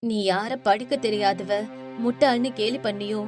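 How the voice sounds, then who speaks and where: A woman's voice: medium pitch, steady tone, a little slow, natural voice. A woman voicing a humble, hardworking elder sister from a village, earnest and firm in a cartoon story. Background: music.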